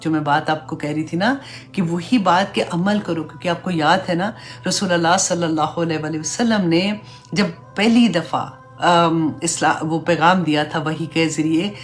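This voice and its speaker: A woman's voice: deep voice, fairly even intonation. Earnest woman teaching an Islamic class. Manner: recites Arabic prayer slowly, then explains each phrase; earnest, conversational, mixes in English fillers. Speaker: religious teacher.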